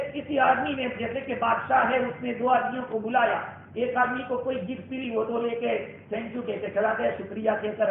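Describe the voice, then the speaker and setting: A male preacher with a high voice delivers a Friday sermon, exhorting his listeners with rhetorical questions and emphasis that swells and drops. The recording is narrow, tinny and band-limited, with heavy echo from the hall and faint background noise.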